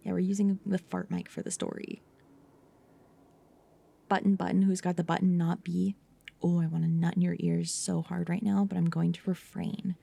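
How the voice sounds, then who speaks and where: A woman hosting a casual ASMR livestream in a hushed, playful, teasing way, often slipping into a whisper. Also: lowish voice, flat delivery, moderate pace, vocal fry, slightly rough. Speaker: livestreamer host.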